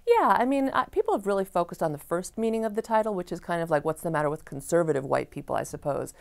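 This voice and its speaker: A woman author answers interview questions thoughtfully and restarts her sentences as she goes. Her voice is very low with a gravelly, creaky edge. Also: lively intonation, fast talker.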